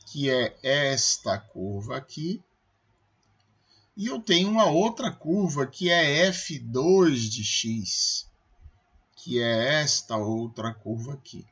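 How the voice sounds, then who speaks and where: A man's voice: medium pitch, lively intonation, takes it slowly, a bit bright, breathy edge, lo-fi sound. A man with a Brazilian Portuguese accent, a math professor giving a recorded calculus lecture, explaining step by step and checking with his students as he goes.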